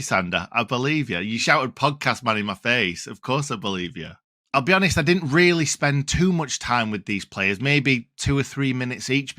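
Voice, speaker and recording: A man's voice: mid-range voice, sharp tone, dry recording, clean studio sound. A man who hosts a podcast, telling a chatty, self-deprecating story in a casual way. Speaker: podcast host.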